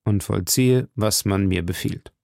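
A man's voice: fairly low pitch, measured pace, creaky, a little mellow, dry recording, clean studio sound. A man reading an audiobook, voicing an earnest young army officer who speaks firmly and dutifully.

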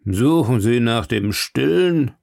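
A laconic prison guard who talks slowly and plainly, as a male narrator puts him on. The voice is gravelly and the sound dry and close. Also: mid-range voice, animated, darkish tone, no echo.

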